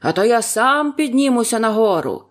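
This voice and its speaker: A woman's voice: fairly high pitch, expressive, pitched above the performer's own voice, lightly acted. Bluebeard, a woman playing a cold menacing husband. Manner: slow, cold, commanding. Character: menacing man, cruel bearded husband.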